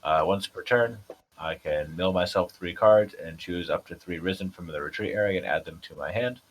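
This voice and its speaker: A man's voice: deep voice, normal speed, slight background noise, poor audio. A man with a New England accent, playing a card game and chatting casually, laid-back with dry jokes.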